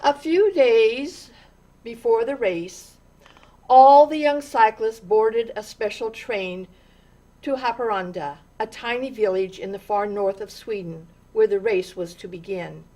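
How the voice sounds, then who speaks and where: Reading a children's storybook aloud, a woman with a fairly high voice goes very slowly and deliberately, using dramatic pauses and expressive stress on key words. The recording is rough.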